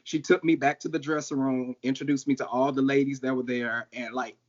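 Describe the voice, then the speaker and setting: A man in his thirties from St. Louis, Missouri, a drag performer telling his story in a casual interview, animated and quick to laugh. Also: medium pitch. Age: 30s. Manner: animated, laughs often, acts out quoted voices. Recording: dull lo-fi audio.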